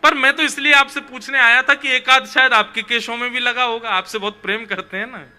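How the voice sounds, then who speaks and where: Guy doing devotional storytelling, high voice, really bright and sharp, music faint behind. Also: fairly quick, clear, resonant tone. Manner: animated, voices the figures in his tale, chuckles.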